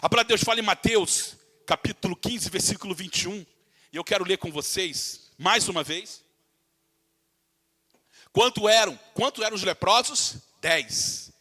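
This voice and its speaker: A Brazilian pastor with a high, bright, forceful voice and a Brazilian Portuguese accent delivers an impassioned sermon at a moderate pace. He often calls his listeners "querido," addressing them as dear ones, and acts out voices from the text.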